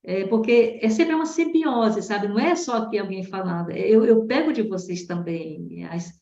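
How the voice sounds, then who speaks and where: A woman's voice: mid-range voice, expressive, normal speed, mellow. A woman guest in a casual online chat, reflective and grateful. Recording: echoey muffled audio.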